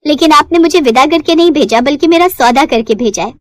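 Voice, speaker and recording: A wounded young bride, voiced by a woman, speaks in a cold, reproachful tone. There is a steady bitterness under her words. The cartoon-story sound is dry and close. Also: sits high, fairly quick, no room sound, lightly acted. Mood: bitter. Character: hurt young woman, bitter toward greedy family.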